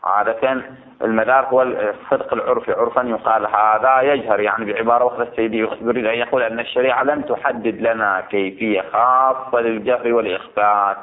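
Through a tinny, phone-like recording, a fast-talking man with a mid-range, fairly even voice teaches religious law in a seminary lesson. He explains a text to his students, repeats his points, and keeps checking whether they follow.

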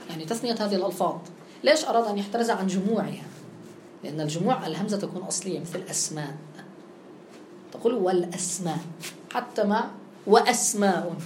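A woman teaching a grammar lesson. She keeps checking understanding with quick questions and affirmations. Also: medium pitch, reverberant, slight background noise.

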